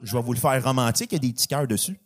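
A man doing stand-up on stage, delivering a rapid string of deadpan bits. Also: mid-range voice. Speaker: stand-up comedian. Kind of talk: stand-up one-liners. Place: comedy club stage.

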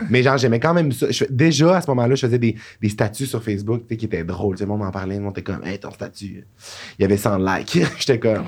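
A man's voice: on the low side, rapid-fire, few pauses. A man in his twenties with a Quebec French accent, a podcast guest telling stories in casual chat and laughing often. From Saguenay, Quebec. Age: 20s. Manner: animated storyteller, laughs often.

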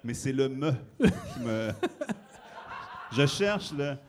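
A man's voice: medium pitch, expressive, drawn-out words, a little hiss or hum. A man with a Quebec French accent, co-hosting a podcast in casual, playful chat and riffing on words. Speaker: podcast co-host.

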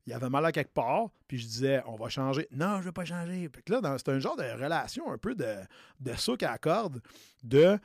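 Here the same kind of speaker, a Québécois man in his late thirties who trains people for a living, tells a casual podcast story with English slang mixed in. He has a husky, medium-pitched voice, talks fairly quickly with big pitch swings, and the studio-quality audio has no echo.

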